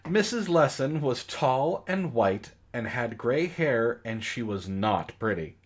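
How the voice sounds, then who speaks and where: A comedy book club host takes it slowly, his mid-range voice swinging widely in pitch as he casually reads bad fan fiction aloud. He pauses to react, amused and exasperated, often swearing.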